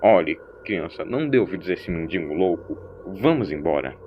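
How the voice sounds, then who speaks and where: A man's voice: low-pitched, lively intonation, normal speed, dull audio, slight background noise, pitched below the performer's own voice. A man acting out a stern, pompous, dismissive old grandfather in an audio story, humming and muttering between phrases. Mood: irritated, dismissive. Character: grumpy, dismissive old grandfather, learned alien traveller.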